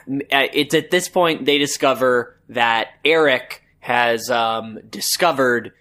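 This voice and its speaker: A man co-hosting a casual book-discussion podcast, talking slowly and unhurriedly. His voice is bright and forward. He rambles, filling his sentences with "like" and "um". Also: medium pitch. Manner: rambling, full of "like" and "um". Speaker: podcast co-host.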